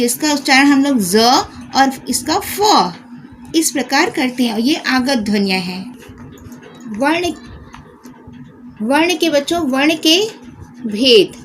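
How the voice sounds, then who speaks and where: Slow, high-voiced woman teaching letters. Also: a bit bright, slight background noise, rough recording. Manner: addresses children, spells out letters one by one. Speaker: Hindi teacher. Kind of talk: slow classroom grammar lesson.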